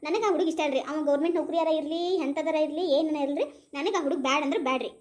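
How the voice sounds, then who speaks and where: A woman's voice: high voice, fast talker, darkish tone, natural voice. A woman doing a defiant young bride-to-be. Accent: North Karnataka Kannada. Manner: defiant, mocking. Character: stubborn young woman refusing a match. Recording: roomy echo.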